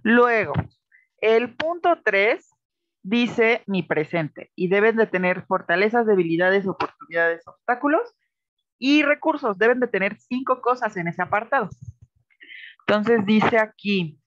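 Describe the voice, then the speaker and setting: A woman's voice: mid-range voice, animated, unhurried, no room sound, highs cut off. A woman teacher with a Mexican accent giving patient, explanatory feedback in an online class, often checking that the students follow. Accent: Mexican Spanish.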